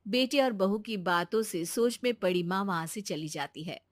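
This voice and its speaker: A woman's voice: mid-range voice, normal speed, no echo, studio quality. A woman narrating a scripted cartoon family story.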